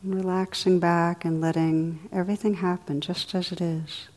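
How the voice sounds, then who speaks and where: A woman leading a guided meditation in a soothing, unhurried way, with soft, drawn-out phrasing. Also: on the low side, fairly even intonation. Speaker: meditation teacher.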